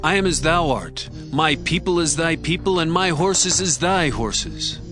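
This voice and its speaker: A man's voice: fairly high pitch, expressive, a little slow, music in the background. An actor playing a loyal, devout ancient king, earnest and declamatory, in a scripture drama. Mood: resolute.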